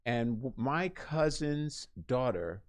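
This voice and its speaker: A man's voice: mid-range voice, lively intonation, slow pace. A man from Costa Rica hosting a radio talk show, asking questions in a chatty, joking way with many restarts. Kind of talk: casual interview chat.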